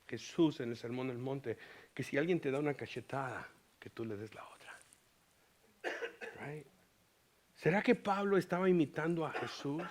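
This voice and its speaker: A lively man preaching a Bible lesson in a church, his high voice rising sharply when he stresses a point and falling soft when he turns serious. His tone is bright and forceful, and he slips English words into his teaching. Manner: animated, mixes English words into Spanish, acts out Paul's lines. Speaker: pastor. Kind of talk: bilingual Bible teaching sermon.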